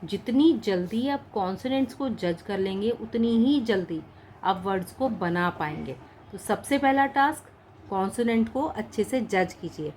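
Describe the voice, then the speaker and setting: A woman teaching a shorthand lesson in Hindi mixed with English words. She speaks patiently, slowly says each practice word and repeats it. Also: mid-range voice, lively intonation, darkish tone, slight background noise. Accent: Indian English words mixed into Hindi.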